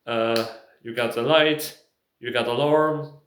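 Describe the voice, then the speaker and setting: A Belgian man hosting a prepper video gives a casual product review in English, which is not his first language, hesitantly searching for words. His medium-pitched voice is slow with fairly even intonation, and the recording from an echoey room is very noisy.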